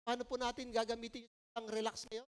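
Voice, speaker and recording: A woman with a Filipino accent preaching a sermon at a church service in a conversational, animated way, often checking in with the listeners. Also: fairly high pitch, fairly quick. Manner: conversational, animated storytelling, frequent "po" and "no?".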